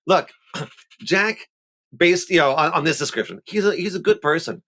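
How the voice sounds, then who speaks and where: A man's voice: fairly high pitch, quick pace. A man, a rabbi, talking on a podcast and arguing emphatically, building his point through everyday examples. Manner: animated, emphatic, argues with examples. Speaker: rabbi guest. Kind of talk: podcast discussion.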